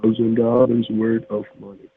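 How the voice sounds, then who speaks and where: A phone scammer on a call, a man with a mid-range voice who keeps a level tone at a moderate pace. He's blunt and pushy, laughing off questions and repeating his demands. The tinny phone line carries a faint hiss.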